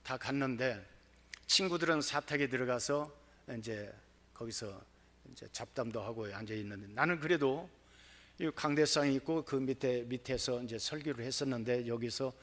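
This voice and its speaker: A man preaching a sermon, telling his own story in an animated way that turns loud and excited. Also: mid-range voice, moderate pace. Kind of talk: sermon testimony. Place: church.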